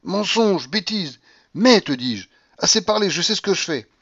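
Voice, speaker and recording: A man reading a novel aloud, voicing an imperious, feverish old grandmother at the roulette table in a shrill, commanding voice. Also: lively intonation, normal speed, fairly bright tone, highs cut off, heavily acted.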